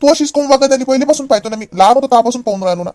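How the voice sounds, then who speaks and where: A man's voice: very high-pitched, racing, dark tone, no echo. A young man playing an educated nephew in a comedy skit, lecturing insistently.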